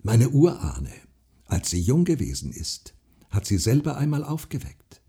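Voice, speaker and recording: A man voicing a frail old widow who speaks softly, earnestly and secretively. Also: medium pitch, wildly swooping pitch, unhurried, breathy edge, heavily acted.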